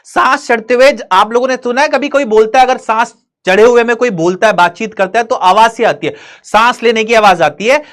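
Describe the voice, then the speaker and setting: A man teaching an English story to students, reading lines slowly and explaining them in Hinglish. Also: extremely high pitch, fairly bright tone. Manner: addresses students directly, asking and answering his own questions.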